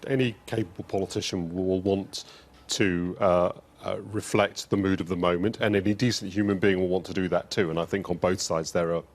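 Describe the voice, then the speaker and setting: Low-voiced deliberate male commentator. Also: steady tone. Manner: deliberate, reasoned, many "uh" pauses. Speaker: studio guest. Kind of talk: political commentary.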